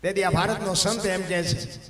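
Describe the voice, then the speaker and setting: A man telling a devotional folk story, preaching to his listeners and rising to loud, emphatic peaks. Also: high-pitched, steady tone, moderate pace. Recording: echoey hall with long reverb from live stage.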